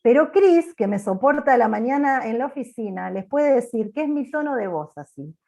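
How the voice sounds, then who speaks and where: A woman teaching an accounting class over a video call, with a loud, bossy-sounding manner. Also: on the high side, lively intonation, moderate pace, vocal fry. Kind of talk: online class lecture.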